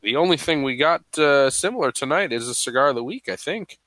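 Stuffy sounding guy hosting a podcast, bright and lively pitch swings, teasing casual chat. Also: brisk, no room sound. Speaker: podcast host.

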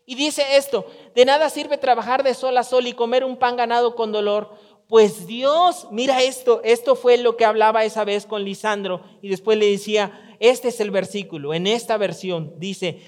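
A man's voice: extremely high pitch, steady tone, moderate pace, long reverb tail. A man preaching a conversational sermon in a church, acting out little quoted exchanges as he goes. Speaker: pastor.

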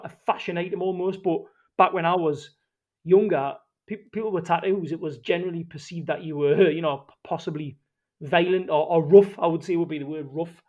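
Male, Geordie accent, pitched a little high, thoughtful personal talk with frequent qualifications, slightly lo-fi sound. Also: a little mellow. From Newcastle region, North East England. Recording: dull, lo-fi sound.

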